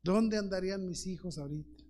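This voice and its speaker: A man's voice: high-pitched, fairly quick. A middle-aged man with a Mexican accent, a pastor preaching a Sunday school sermon and acting out the voices in his story, calling his listeners brother. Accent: Mexican Spanish. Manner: acts out dialogue in lively voices, addresses listeners as brother.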